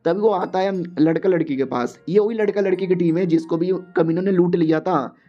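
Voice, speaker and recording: A man's voice: sits high, fairly quick. A man casually retelling a comic story in a slangy, joking way. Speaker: story recap narrator. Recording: dull recording with faint music.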